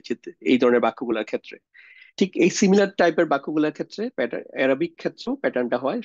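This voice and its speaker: A man's voice: medium pitch, a little mellow, dry recording. Young man, grammar teacher, explains step by step, rhetorical questions, dry and slightly muffled sound. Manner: explanatory, mixes English words, asks rhetorical questions. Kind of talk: lecture on Arabic grammar.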